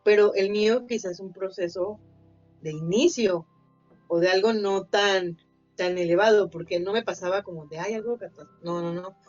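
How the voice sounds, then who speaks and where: A woman's voice: medium pitch, normal speed, a little mellow. Woman telling a personal story. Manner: anecdotal, acts out quoted voices, many fillers. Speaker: podcast co-host. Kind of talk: casual podcast chat. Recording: slightly dull lo-fi, faint music bed.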